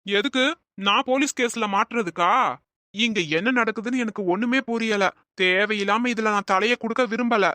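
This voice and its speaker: A performer voicing a suspicious, grumbling balding auto-rickshaw driver in an animated comedy. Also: mid-range voice, normal speed, no room sound, natural voice.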